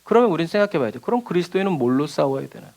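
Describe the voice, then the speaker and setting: Delivering a midweek sermon in a rapid-fire, sing-song delivery, this pastor has a somewhat high, darkish voice. He asks his congregation rhetorical questions, then answers them, dramatizing every line he quotes.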